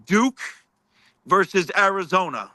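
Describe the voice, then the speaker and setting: A man's voice: sits high, lively intonation, measured pace, pushed and bright, dry recording. A man hosting a live paranormal session, repeatedly asking spirits questions and reporting faint sounds he hears.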